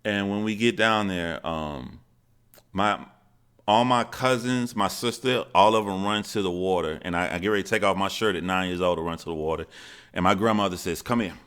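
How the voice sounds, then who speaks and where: A man, telling a personal story in a candid, halting, earnest way. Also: low voice, a bit bright, clear, resonant tone. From Georgia, USA. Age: 40s.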